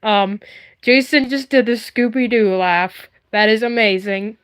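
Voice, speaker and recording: Showing off handmade puppets on a relaxed livestream, this host rambles playfully and gets silly. She speaks a little slowly, in a smooth voice that sits on the high side.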